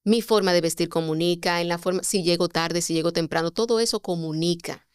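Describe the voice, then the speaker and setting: Lady mentor, expressive, asks herself questions, dry studio sound. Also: fairly low pitch, a little fast, smooth, no room sound. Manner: expressive, poses rhetorical questions. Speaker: communication mentor. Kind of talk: podcast guest explaining.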